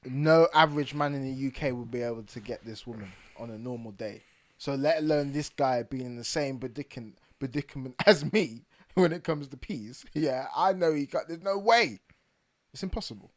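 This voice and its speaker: A man's voice: medium pitch, moderate pace. Laughing young podcast man. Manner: animated, laughs often, trails off quietly when serious. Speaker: podcast co-host. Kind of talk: casual chat.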